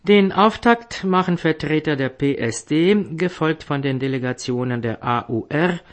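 Man, radio newsreader, fairly high pitch, formal, scripted news bulletin. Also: normal speed. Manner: formal, headline then story.

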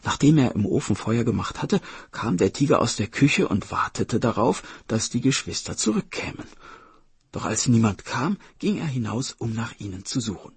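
A man reads a folk tale as a dramatic storybook reading, swooping widely in pitch. His voice is husky and breathy. The recording is dry and close. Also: sing-song, normal speed, no room sound. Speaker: narrator.

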